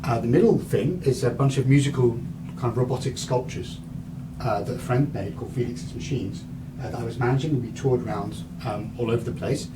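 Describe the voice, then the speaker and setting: A man's voice: medium pitch, fairly quick. A man in his thirties giving a university lecture, rambling with many fillers and restarts. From England. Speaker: guest lecturer. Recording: distant mic, audible room noise.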